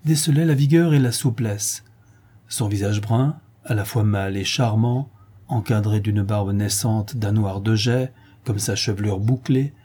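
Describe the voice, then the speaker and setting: A man narrating a novel in a measured, expressive audiobook reading. His voice is dark and husky, sitting at an ordinary male pitch. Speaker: audiobook reader.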